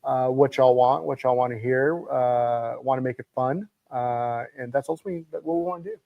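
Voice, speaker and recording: A man's voice: mid-range voice, big pitch swings, normal speed, gravelly, dry recording, narrow, tinny audio. A man co-hosting a local morning talk show, chatting easily and saying "y'all" and "um" a lot. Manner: easygoing, chatty, says y'all and um often. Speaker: co-host. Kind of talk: casual chat.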